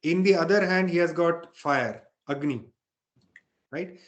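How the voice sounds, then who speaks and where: A man's voice: on the high side, a little slow, highs cut off. A man. He teaches spiritual texts in an informal, explanatory way, often adding a questioning tag to check understanding. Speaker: spiritual teacher leading a satsang.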